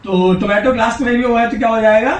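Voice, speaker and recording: A very high-pitched male teacher talks fast, and the audio sounds dull. In a classroom-style English grammar lesson, he questions the children and answers for them, coaxing and encouraging while speaking to them directly. The room echoes and he is heard from afar.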